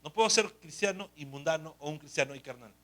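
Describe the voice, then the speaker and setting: A middle-aged man, a pastor, preaching a sermon in a lively, joking way full of rhetorical questions. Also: a little high, fast. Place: church hall. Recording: echoey room, mic at a distance.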